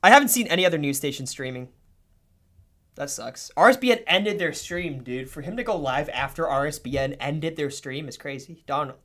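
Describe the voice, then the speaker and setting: Young dude streaming, cussing a lot, mumbles then suddenly gets loud and hyped. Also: male voice, fairly high pitch, a little fast. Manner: profane, excitable, swings between mutters and outbursts. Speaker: livestreamer. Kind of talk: casual livestream commentary.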